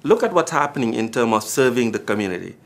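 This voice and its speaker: This former board director, an earnest Senegalese man, recounts his experience in a recorded personal account. He talks fast in a creaky voice with big pitch swings, rising in pitch and volume whenever he hits a key point.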